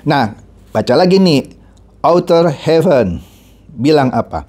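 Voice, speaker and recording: Middle-aged male commentator, sarcastic and mocking, high-ish voice that swings widely; ranting video host. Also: lively intonation, slow pace, a little mellow. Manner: mocking, sarcastic, repetitive insults.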